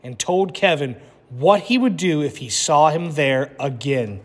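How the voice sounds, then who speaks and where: In an echoey, long-reverb room, a man with a slightly high, animated voice reads a children's storybook at a measured pace. He takes a teacher's instructive approach and checks in with his listeners throughout the lesson.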